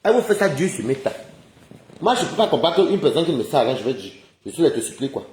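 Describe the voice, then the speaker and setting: A man's voice: fairly high pitch, sing-song, fast, darkish tone, a little hiss or hum. A man ranting indignantly on a casual live stream, firing off rhetorical questions and chuckling often. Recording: roomy echoey recording.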